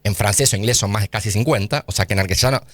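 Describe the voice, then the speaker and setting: A man's voice: fairly low pitch, very fast, dry recording. A man with an Argentine accent, a guest scientist in a radio studio interview, explaining eagerly and using casual slang. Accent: Argentine Spanish.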